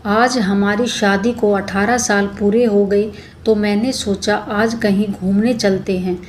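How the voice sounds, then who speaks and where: A woman's voice: medium pitch, fairly even intonation, measured pace, a little mellow, slight background noise, lightly acted. A woman voicing a middle-aged husband who talks in an earnest, pleading way. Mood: fond. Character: grieving then loving husband, middle-aged man.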